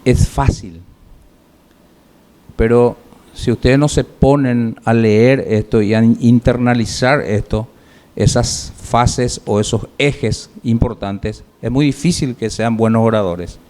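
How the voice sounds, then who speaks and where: A man teaching public speaking gives his class feedback in a measured way, listing points with pauses and rhetorical questions. His voice is medium-pitched, with fairly even intonation and a darkish tone.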